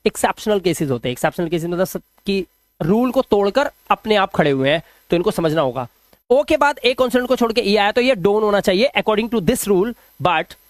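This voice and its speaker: A man teaching an English phonics lesson, drawing out each word slowly and repeating the sounds for his students. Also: high voice, dry recording, studio quality. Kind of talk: phonics lesson explained in Hindi.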